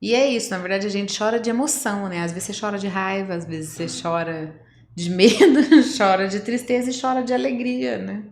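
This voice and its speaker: A woman's voice: medium pitch, brisk, a little mellow. A woman in a casual podcast chat, laughing and agreeing easily. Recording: echoey room.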